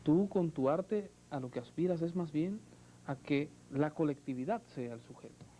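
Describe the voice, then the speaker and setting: A man's voice: on the high side, expressive, moderate pace, warm tone, slight background noise, poor audio. A man interviewing an artist, speaking in an articulate, literary way and often adding short affirmations. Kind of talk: interview conversation.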